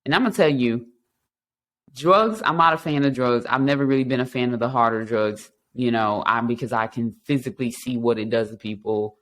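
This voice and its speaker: An earnest man in his thirties tells his own story of recovery in a mid-pitched voice. He talks reflectively, stopping and restarting often with ums, and turns to encourage his listeners. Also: a little fast, fairly bright tone. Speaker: podcast host. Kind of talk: personal testimony and encouragement.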